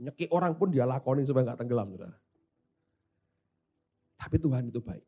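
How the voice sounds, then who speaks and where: Husky, animated Indonesian preacher man. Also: mid-range voice, a little fast, highs cut off. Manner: dramatic preaching, swings from hushed asides to loud exclamations. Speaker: pastor. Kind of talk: sermon.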